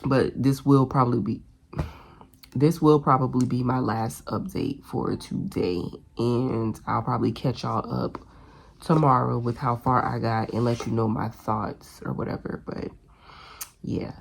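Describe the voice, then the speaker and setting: Very deep-voiced, candid chatty woman. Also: expressive, unhurried, creaky, a little hiss or hum. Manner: candid and chatty, swears freely, addresses viewers directly. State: tired. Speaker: reading vlogger, mother. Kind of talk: casual chat to camera. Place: bedroom at home.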